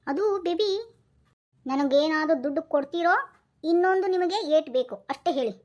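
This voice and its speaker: A bossy young wife in a comedy sketch, acted by a woman, with a high voice and rapid delivery. She scolds and threatens, then turns sweet with pet names to get her way. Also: a little mellow, muffled recording. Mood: scolding. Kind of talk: comic sketch acting.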